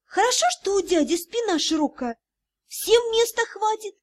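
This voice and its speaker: A woman doing a cheeky young elf girl, high and teasing. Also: lively intonation, moderate pace. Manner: giggly, teasing whisper.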